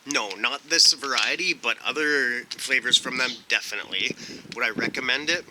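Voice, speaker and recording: This snack review vlog has a man talking at a moderate pace in a mid-range voice, casually thinking aloud and drifting from point to point. He's recording outside, and wind noise runs throughout.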